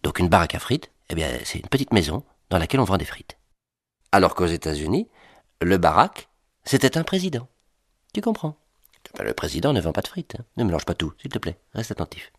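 A deep, lively man teases his young listeners with playful, deadpan asides. His pitch bounces a great deal, and the recording is close and dry. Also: a little fast, no room sound. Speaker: comic presenter. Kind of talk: comic explainer to children.

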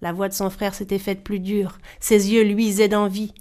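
A woman storyteller reading a folktale aloud in a measured, expressive style. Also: mid-range voice. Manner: measured, animated voices for characters.

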